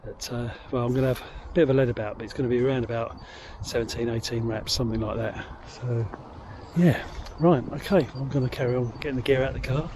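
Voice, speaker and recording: A man vlogging outdoors by a lake, a little out of breath, talking in a halting way with many ums and uhs. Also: medium pitch, fairly even intonation, noisy background. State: slightly out of breath. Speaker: angler vlogger. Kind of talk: casual outdoor vlog commentary.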